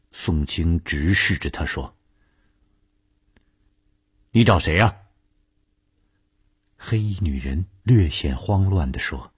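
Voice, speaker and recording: Husky deep guy reading a spooky radio story, real slow, dry studio sound. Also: dry recording.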